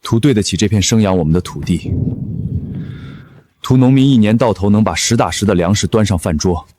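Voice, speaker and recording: A man's voice: lowish voice, brisk, natural voice. A man voicing a principled farmer who talks firmly and steadily. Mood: resolute. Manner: firm, steady. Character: stubborn farmer and machine operator, principled. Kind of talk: drama voice acting.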